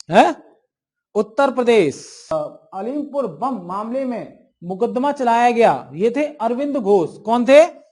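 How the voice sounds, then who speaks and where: A male teacher lecturing an exam-prep class, asking questions and answering them himself. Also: very high-pitched.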